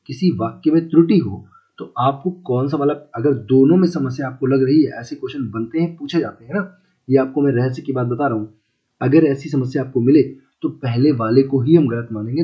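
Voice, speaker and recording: A man teaching a casual exam-prep Hindi lesson, repeating key words and asking listeners if they follow. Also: medium pitch. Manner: repeats key words, asks checking questions; chatty, calls listeners brother and friends. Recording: slightly dull lo-fi audio.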